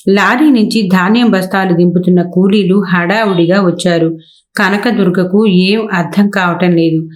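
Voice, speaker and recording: Brief: woman audiobook narrator, mid-pitched, measured scripted novel reading.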